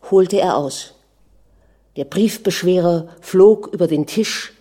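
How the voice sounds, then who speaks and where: A woman reads a novel aloud in a measured, calm manner. Her voice sits low with a mellow, warm timbre. The delivery stays even and composed. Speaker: audiobook narrator. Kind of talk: scripted narration of a novel.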